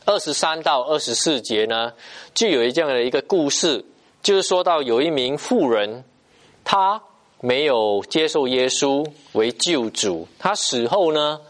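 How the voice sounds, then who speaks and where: A man preaching a sermon, emphatic and repetitive, pausing often to stress his points. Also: mid-range voice.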